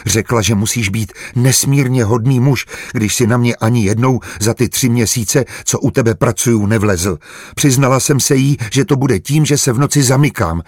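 A man voicing a naive, anxious young female servant who speaks in a rushed, pleading way in an audiobook. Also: medium pitch, breathy edge, no echo, natural voice. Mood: earnest.

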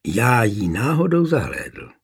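A man's voice: mid-range voice, very animated, breathy edge, heavily acted. A man voicing a playful young soldier who teases and provokes his companions. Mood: teasing. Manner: teasing, provocative.

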